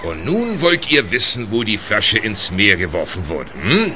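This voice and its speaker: Jolly old sea captain, pirate-ish hearty talk, really bright voice, swingy pitch, radio play. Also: male voice, huge pitch swings, measured pace, soft background music, full character voice. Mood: friendly, amused. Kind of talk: German audio drama acting.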